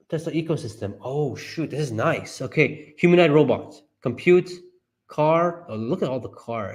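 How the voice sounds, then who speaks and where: A man streaming live commentary as he reads through a report, talking to himself and his viewers and breaking into excited high yelps. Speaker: stock market streamer.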